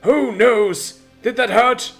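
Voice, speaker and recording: A man voicing a foul-mouthed, violent old Santa Claus in a spoken story, mocking and shouting threats. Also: very high voice, takes it slowly, creaky, soft background music, pitched above the performer's own voice, exaggerated voice. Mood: gleeful menace.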